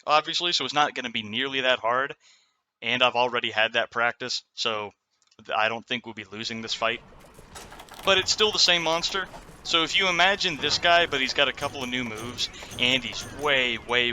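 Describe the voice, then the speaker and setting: A man's voice: mid-range voice, bright, forceful tone, slight background noise. A man giving casual, opinionated commentary as he plays a video game, with some loose swearing. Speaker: gaming video host. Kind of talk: casual game commentary over live play.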